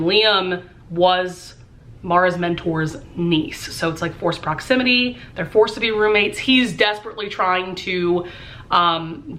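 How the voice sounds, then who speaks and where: A young adult book vlogger chats casually about books while doing her makeup in a lamp-lit room at home. She's upbeat and chatty, sprinkling in plenty of "um" and "like," her low-leaning voice sounding pushed and bright.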